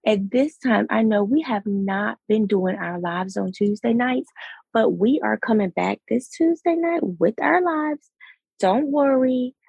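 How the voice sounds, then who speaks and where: A woman hosting a casual podcast chat, with a raspy late-night voice and a relaxed, chatty manner. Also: on the high side, a little slow, no echo, highs cut off. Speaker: podcast host.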